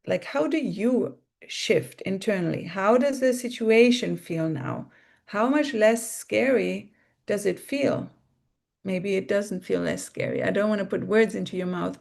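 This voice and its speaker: A woman teaching on a live stream, softly coaxing listeners through a guided visualization and reading viewer comments aloud. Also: mid-range voice, very animated, normal speed, gravelly. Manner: soft and coaxing, guiding listeners inward. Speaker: spiritual teacher.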